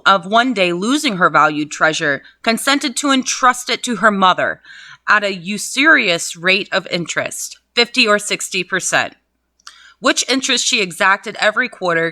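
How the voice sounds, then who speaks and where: With a sharp, expressive, medium-pitched voice at a moderate pace, a woman reads a classic novel aloud at home and interrupts herself with chatty, profane remarks and frequent laughter, acting as reader and host. The recording is dry.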